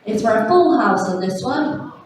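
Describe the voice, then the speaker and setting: A woman's voice: a little high, animated, normal speed, darkish tone. A woman making live announcements to players as a bingo host. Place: large indoor holiday park venue. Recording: echoey hall PA, distant, music behind. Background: music.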